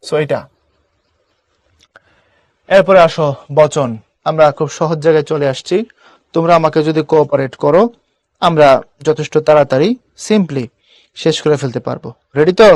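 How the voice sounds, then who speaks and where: Young guy teaching an online class, repeats words to drill them, kinda high voice, dry close mic. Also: normal speed, pauses often, no room sound.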